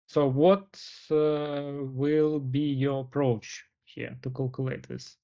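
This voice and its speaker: Slow, smooth-voiced male interviewer. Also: mid-range voice, little pitch movement, highs cut off. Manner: deliberate, pausing often mid-sentence. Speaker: interviewer in a mock case interview. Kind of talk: formal case interview questioning.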